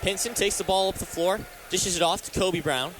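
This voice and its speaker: A young American man works as a radio play-by-play announcer and reporter, calling a game live from an arena. His voice is high-pitched and a little fast, with a noisy background behind the commentary.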